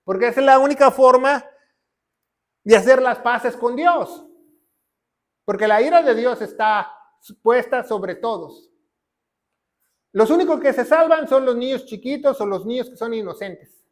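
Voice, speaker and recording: A male pastor preaching a sermon, mixing loud emphatic declarations with quiet low lines and frequent tag questions. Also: expressive, unhurried, pauses often.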